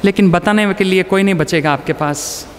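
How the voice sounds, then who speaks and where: A man's voice: sits high, moderate pace, long reverb tail, slight background noise. A man telling personal stories in a chatty talk to an audience, dropping English words into his speech. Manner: conversational, anecdotal, mixes in English words. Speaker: motivational speaker.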